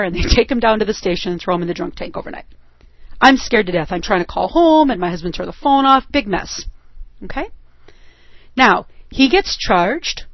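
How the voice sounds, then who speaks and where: A woman's voice: medium pitch, dry recording. A woman law professor, telling a personal story in a lecture and often checking in with "okay?". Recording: dull lo-fi recording.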